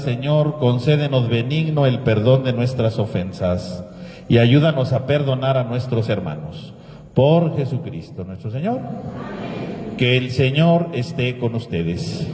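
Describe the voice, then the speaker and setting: A man leads the Mass as priest, his mid-pitched voice reciting and sometimes chanting the prayers in a slow, solemn cadence. The sound carries a cathedral echo, with a long reverb that hangs in the vast stone space after every phrase. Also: animated, darkish tone, slight background noise. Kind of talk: liturgical prayer, partly chanted. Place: large church. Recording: echoey church with long reverb.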